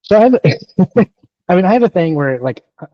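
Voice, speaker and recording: A man in his early thirties, co-hosting a podcast, chats casually in a rambling, self-deprecating way, full of fillers and restarts. His voice is high-pitched and very animated at a moderate pace. The lo-fi recording has no echo.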